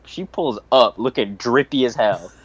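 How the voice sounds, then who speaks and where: A young man hosts a casual podcast and tells a story. His voice swings widely in pitch. He swears freely and laughs through the telling, with a mid-range voice. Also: measured pace, breathy edge, no room sound, highs cut off. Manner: animated, profane, laughing storyteller. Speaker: podcast host.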